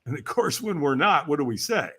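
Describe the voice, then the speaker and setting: A California man in his sixties, appearing as a podcast guest, tells a story energetically, acting out the voices he quotes and laughing throughout. His fairly high voice swings widely in pitch, brisk and sharp with a breathy edge.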